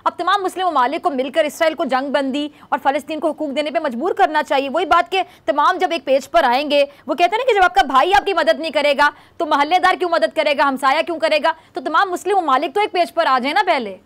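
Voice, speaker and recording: A female host from Pakistan runs a current-affairs panel, assertively steering her guests. She talks fast in a high voice. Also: a bit bright. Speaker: talk show host.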